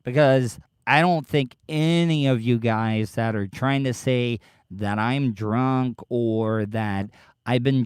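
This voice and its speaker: Man, casual livestream host, slurred lip-full-of-dip speech, unhurried pace, halting, defensive, sweary, close dry sound. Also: medium pitch, darkish tone, smooth, dry recording. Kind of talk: casual livestream chat, answering live commenters.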